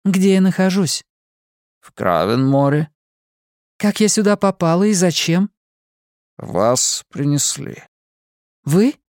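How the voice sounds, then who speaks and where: A man's voice: high-pitched, big pitch swings, slow pace, long pauses, smooth, dry recording, studio quality, voice pushed up, full character voice. Man doing a furious defiant mother. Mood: demanding. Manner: sharp, rising, exclamatory. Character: indignant woman, a mother, defiant.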